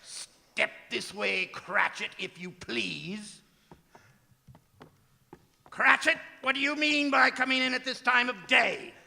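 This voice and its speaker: High, bright old Scrooge, giddy. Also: male voice, takes it slowly, gravelly, pauses often, heavily acted. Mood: mock stern. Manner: chuckling, stammering, excitable old gentleman. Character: Scrooge, old male miser turned giddy, generous and joyful. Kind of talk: theatrical radio drama acting. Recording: reverberant stage hall, faint music behind.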